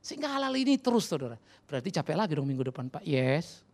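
A middle-aged man preaches a sermon in church with a raised, gravelly voice. He scolds and challenges his listeners directly, shifting between fiery bursts and blunt asides. His pitch sits a little high for a man. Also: sing-song, quick pace, a little mellow. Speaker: pastor.

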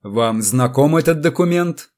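A man voicing a calm, cold male captain who speaks in a measured way. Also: mid-range voice, lightly acted. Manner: cool, measured.

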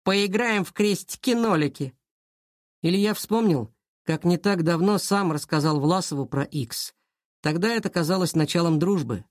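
A reader narrating a children's school detective story in an even, lightly dramatic way. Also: mid-range voice, moderate pace, no echo, clean studio sound. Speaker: audiobook reader.

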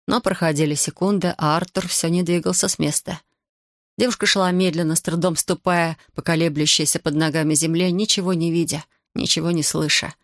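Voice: mid-range voice, dry recording. Dry, close audiobook narrator. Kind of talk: scripted literary narration.

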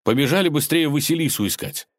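A man's voice: a little high, lively intonation, fast, pitched above the performer's own voice. A man voicing Ivan, a dizzy, lovesick young hero in a storybook tale, who mumbles. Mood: dazed.

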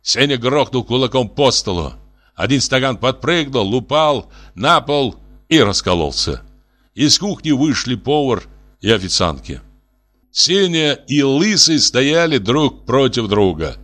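A man narrates a literary story aloud. His pitch moves a great deal as he tells it, giving every moment an expressive, performed shape. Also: unhurried.

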